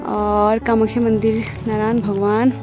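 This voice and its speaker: A woman's voice: mid-range voice, little pitch movement, a little slow, over music. A woman from the Kumaon hills, chatting with viewers as she walks village paths. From Kumaon, Uttarakhand hills. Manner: chatty, addresses viewers as friends. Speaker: village vlogger. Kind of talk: casual walking vlog narration. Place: outdoors on hill paths and village roads.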